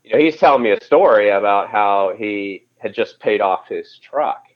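A man's voice: on the low side, animated, normal speed. A man speaking as a podcast guest over a phone call, telling his story in a conversational way with frequent restarts and "you know". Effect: heard over a phone call. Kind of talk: casual interview storytelling. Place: calling in from home area by phone. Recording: dull lo-fi phone line.

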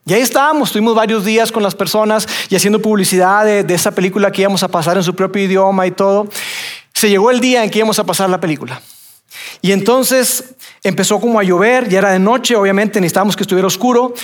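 A man's voice: sits high, quick pace. A man from Mexico with a Mexican accent, telling a personal testimony with acted-out dialogue and many fillers.

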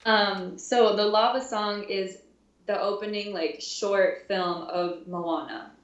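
A woman's voice: mid-range voice, fairly even intonation, slow. A woman in her twenties, a music therapy intern, chatting casually in an interview with frequent fillers and laughs. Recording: roomy, distant, dull sound.

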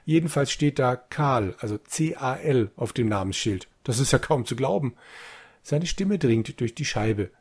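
A man's voice: mid-range voice, animated, unhurried, darkish tone, husky. A man playing a text game with a friend in casual chat, saying his typed commands aloud. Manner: chatty, typing commands aloud. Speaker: player. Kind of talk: casual let's-play chat.

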